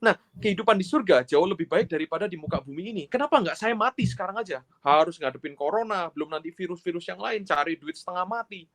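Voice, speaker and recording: A male host with a noticeably high voice leads a casual interview. He talks in a loose, conversational way and draws out his questions with easy fillers. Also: lively intonation, quick pace, hardly any pauses, fairly bright tone.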